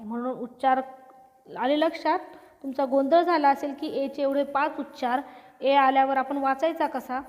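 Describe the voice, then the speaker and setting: A woman teaching English pronunciation from slides, asking questions and answering them herself as she repeats each sound slowly. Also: high voice, darkish tone, in a large hall. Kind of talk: slide-based pronunciation lesson.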